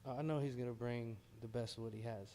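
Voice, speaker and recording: A man's voice: medium pitch, steady tone, fast, dark tone, a little hiss or hum. An American man, a heavyweight boxer, talking casually and modestly in a pre-fight interview.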